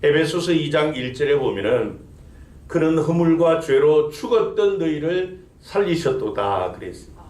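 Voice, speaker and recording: The senior pastor's voice is a little high, sing-song and slightly mellow at a normal pace as he preaches, stacking emphasis and asking his congregation rhetorical questions. Sound comes from an echoey sanctuary.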